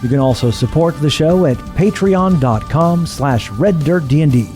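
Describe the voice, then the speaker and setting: A man's voice: fairly high pitch, animated, moderate pace. A man presenting a podcast, reading scripted credits and appeals to listeners. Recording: soft music behind.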